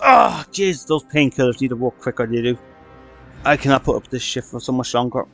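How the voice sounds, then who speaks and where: A man with a headset, excitedly commentating his own shooter gameplay, swearing and shouting at the game. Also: mid-range voice, vocal fry. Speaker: gaming channel host.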